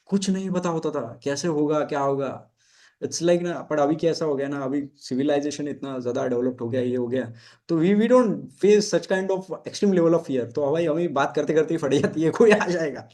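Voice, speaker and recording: A man's voice: on the high side, normal speed, mellow. A man hosting a casual podcast chat as a dating coach, telling stories from his own life in a Hindi and English mix and laughing often.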